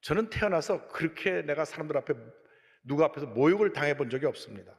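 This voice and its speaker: A male pastor preaching a sermon, telling a story animatedly, jumping between loud outbursts and hushed asides. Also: a little high, expressive, quick pace, long reverb tail.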